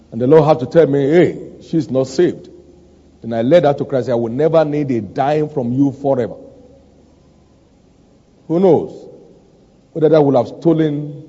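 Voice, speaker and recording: A man's voice: fairly high pitch, a little mellow. A man, preaching and praying aloud as a pastor, with fervent declarations and repeated phrases. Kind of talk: sermon and prayer. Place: large church hall. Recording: dull sound with long hall reverb.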